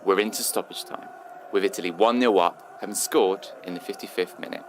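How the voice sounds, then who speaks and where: A man presenting and narrating a scripted radio sports history, crisp delivery. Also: low-pitched, a little fast, slight background noise.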